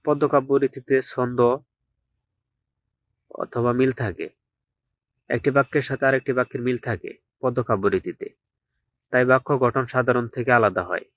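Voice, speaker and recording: A man teaching an exam-prep lesson, dictating slowly and repeating each point so students can note it down. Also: medium pitch, steady tone, a bit bright, dry recording.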